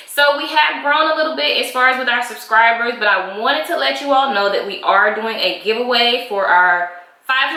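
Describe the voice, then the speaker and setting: A woman's voice: on the high side, pushed and bright. A woman co-hosting a casual chat vlog, talking loosely with frequent ums. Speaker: co-host of a married-couple channel. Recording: roomy echo.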